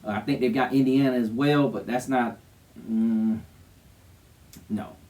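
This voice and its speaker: A man's voice: mid-range voice, steady tone, unhurried, darkish tone, distant mic. A man co-hosting a sports show, giving casual, emphatic, opinionated commentary. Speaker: co-host of a college football show.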